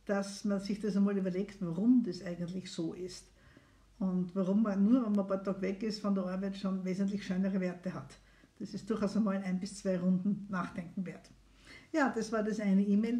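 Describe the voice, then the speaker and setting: Warm in tone and medium in pitch, this woman is a middle-aged doctor hosting a live phone-in stream. She chats in a casual, encouraging way and keeps inviting her audience to call.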